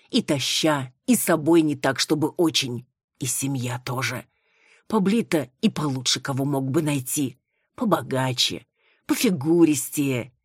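A woman's voice: very deep voice, slightly rough, dry recording, clean studio sound. A woman reading a novel aloud as an audiobook, narrating and acting out characters' lines in a raised, indignant voice. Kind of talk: audiobook narration with acted dialogue.

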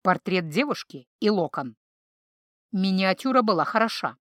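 A woman narrating a fantasy audiobook in an even, clear storytelling manner. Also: mid-range voice, moderate pace, dry recording, studio quality. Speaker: audiobook reader. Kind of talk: scripted narration.

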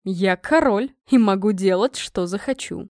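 A woman voicing a smug, teasing middle-aged king in a lowered, drawling voice. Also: a little slow, darkish tone, dry recording, clean studio sound, close to an everyday voice. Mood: mocking. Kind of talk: audiobook reading.

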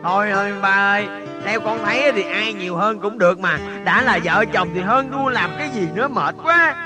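An actor playing a grown son who is fed up with his bickering parents in a comic family skit, pleading and exasperated, with loud music behind. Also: high-pitched, a little fast, natural voice.

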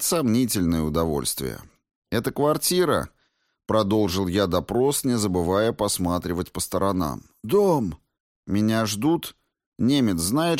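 Low-voiced man narrating an audiobook. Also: dry recording, studio quality. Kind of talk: first-person audiobook narration.

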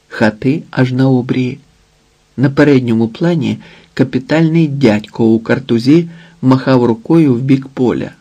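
A man narrating an audiobook novel in a slow, measured reading. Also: mid-range voice, mellow, breathy edge. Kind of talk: scripted narration.

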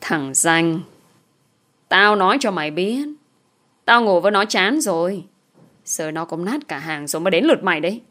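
A woman's voice: on the low side, expressive, normal speed, long pauses, fairly bright tone. A woman voicing a crude, taunting male ex-lover in an audio story, in a mocking, lewd manner. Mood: spiteful.

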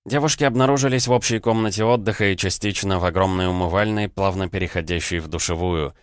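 A male narrator reads first-person fantasy fiction at a steady, measured pace. His voice is deep, smooth and resonant. It is recorded close and dry, with no room echo. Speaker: audiobook narrator.

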